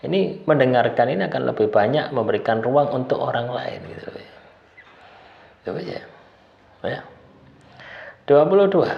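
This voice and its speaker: Male speaker, mid-pitched, unhurried list talk, "ya" after each phrase, echoey and slightly muffled recording. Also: slight background noise. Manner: keeps adding tag "ya" after phrases. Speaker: spiritual self-help speaker. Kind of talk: casual numbered-list talk. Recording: roomy, slightly dull sound.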